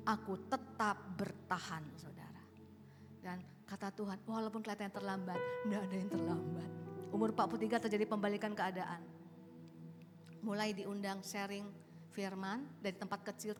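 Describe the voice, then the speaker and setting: A woman in her late fifties preaching a sermon as pastor, telling stories with animated bursts of loud exclamation. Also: medium pitch. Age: 50s. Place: large church auditorium. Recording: reverberant hall with music underneath.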